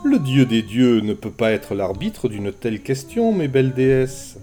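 A man's voice: mid-range voice, expressive, a little slow, mellow, soft background music, lightly acted. A man doing a breezy, charming messenger god. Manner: light, bantering.

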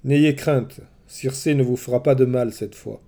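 A man voicing a proud, wary warrior hero in a storybook reading, speaking in forceful, indignant declarations. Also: medium pitch, unhurried, lightly acted. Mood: firm.

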